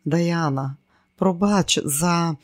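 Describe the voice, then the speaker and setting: A timid, soft-hearted young woman, as a male reader puts her on, hesitant and apologetic. She comes out in a raised voice that drops soft and quiet at times. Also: lowish voice, drawn-out words. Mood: tearful.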